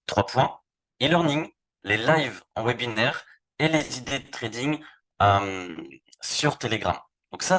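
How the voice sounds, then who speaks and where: Presenting a live webinar product demo, a Frenchman with a middling pitch and a slightly bright voice talks loosely while showing pages on screen, often tripping over repeated words.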